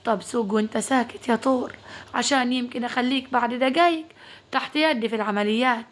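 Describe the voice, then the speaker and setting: A protective young doctor speaks with firm, caring insistence in a spoken family story, with a woman storyteller doing him. His Upper Egyptian voice is pitched fairly high. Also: fast talker, lightly acted.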